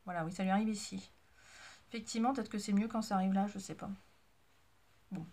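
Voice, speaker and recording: A woman's voice: mid-range voice, quick pace, warm tone. A woman, a mother, chatting casually to her viewers in a rambling, self-mocking way with many fillers. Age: adult with a child. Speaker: sewing and knitting vlogger. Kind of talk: casual chat to camera.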